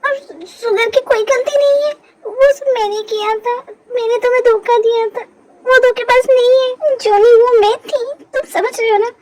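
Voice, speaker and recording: A woman's voice: very high voice, steady tone, normal speed, darkish tone, poor audio. A woman voicing a young woman just woken from a coma in an amateur fan dub, emotional and pleading. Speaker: fan dubber.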